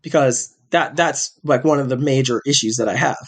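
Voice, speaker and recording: At normal speed and in a mid-range voice, a man in his forties hosts a podcast. He has a slight cough from being a little sick, and his casual chat rambles along with restarts and self-corrections.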